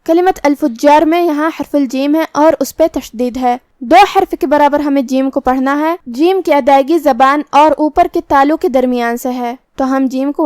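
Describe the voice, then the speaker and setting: A woman's voice: high-pitched, darkish tone, dry recording, clean studio sound. A woman teaching the rules of Quran recitation, explaining each rule step by step in a methodical way. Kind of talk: tajweed lesson explaining rules.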